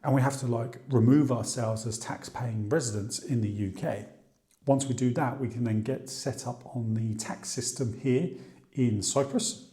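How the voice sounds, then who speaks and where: A man's voice: mid-range voice, fairly even intonation, normal speed, mellow. A man from the UK talking casually to camera in a vlog, chatty and thinking aloud. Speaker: vlogger. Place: outdoors by the sea, then at home.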